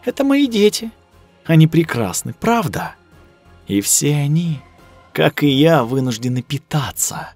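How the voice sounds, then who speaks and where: A man's voice: on the high side, big pitch swings, a little slow, darkish tone, soft background music, pitched above the performer's own voice, exaggerated voice. A man voicing a cruel, bored ancient female duchess monster with a drawling, sneering manner. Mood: gloating.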